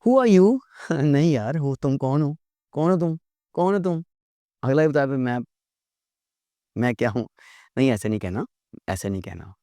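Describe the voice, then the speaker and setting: A man teaching a lecture, conversational and animated, acting out rude and polite phrasings for his listeners. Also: mid-range voice, moderate pace, long pauses, no room sound, clean studio sound. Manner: conversational, addresses listeners as "yaar" and "bhai". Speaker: English teacher.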